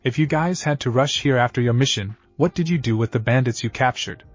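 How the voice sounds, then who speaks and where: A man's voice: medium pitch, brisk, dry recording, muffled recording, close to an everyday voice. A man voicing a curious young girl ninja in a fan fiction reading.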